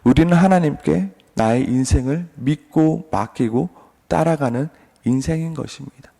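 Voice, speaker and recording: A pastor preaching an earnest sermon, asking repeated rhetorical questions. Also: male voice, on the high side, normal speed, gravelly, mellow. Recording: long reverb.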